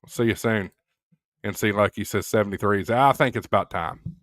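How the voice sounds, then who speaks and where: A man's voice: on the low side, brisk, a bit bright, no room sound, clean studio sound. A man hosting a casual live stream, chatting loosely with many fillers and reading viewer comments aloud.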